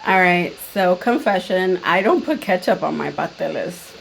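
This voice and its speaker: A woman's voice: fairly low pitch, expressive, moderate pace, vocal fry, slight background noise, rough recording. A woman hosting a casual beauty vlog at home, chatty and playful. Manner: chatty, quotes relatives in playful voices. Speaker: beauty vlogger host. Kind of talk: casual chat.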